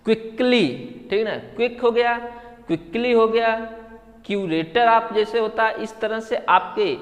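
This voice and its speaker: A man teaches a classroom lesson and keeps asking his students the same question, then answers it himself. His voice sits fairly high for a man and he speaks slowly. The room has a long, hall-like reverb. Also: steady tone. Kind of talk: classroom lesson on English letter sounds.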